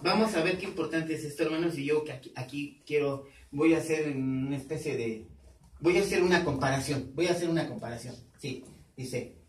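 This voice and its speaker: Male pastor, teaching sermon, quizzes his flock; slightly high pitch, recorded far off in an echoey church. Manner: quizzes the congregation with questions, repeating key words. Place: church hall.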